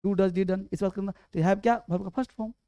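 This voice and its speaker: Brisk quizzing male English teacher. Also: high voice, fairly even intonation, dark tone, dry recording. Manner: quizzing, repeatedly urging quick answers. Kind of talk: classroom lesson.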